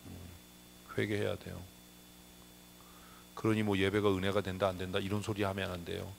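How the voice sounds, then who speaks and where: A man's voice: sits low, flat delivery, fairly quick, vocal fry. Emphatic preaching man, faint hum. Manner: emphatic preaching with rhetorical questions. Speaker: pastor. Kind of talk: sermon. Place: church sanctuary.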